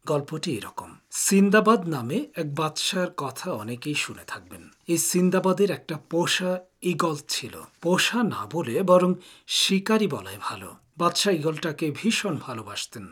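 A man hosting a radio program and narrating an old folktale in a calm, measured way. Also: a little high, husky. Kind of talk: storytelling narration.

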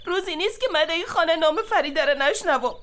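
Jealous young Afghan Dari wife, high and pleading, as an actress plays her. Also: fairly bright tone, a little hiss or hum. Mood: tearful. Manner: pleading, accusing.

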